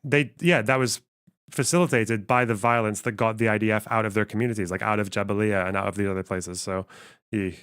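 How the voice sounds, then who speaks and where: A young man with a somewhat low voice, reacting to a debate on stream. He talks bluntly, swears freely and thinks out loud, adding sarcastic asides. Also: steady tone, fairly quick, smooth. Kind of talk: casual reaction commentary.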